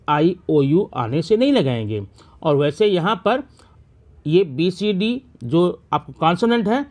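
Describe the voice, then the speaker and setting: A male teacher explaining a grammar lesson step by step, asking questions and answering them himself. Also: high voice.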